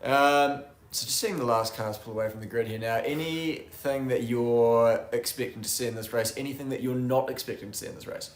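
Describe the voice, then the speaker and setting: A man calls a race in a casual, bantering way, dropping dry one-liners between grid updates. His voice has a middle pitch, and the sound carries a noticeable room echo. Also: steady tone, fairly quick, hardly any pauses. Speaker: race co-commentator.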